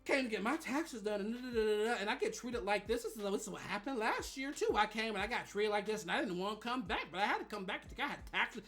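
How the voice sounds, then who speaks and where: A man's voice: sits high, expressive, fast talker, hardly any pauses, a bit bright, soft background music. A man voicing an indignant woman tax client who rambles off her complaints.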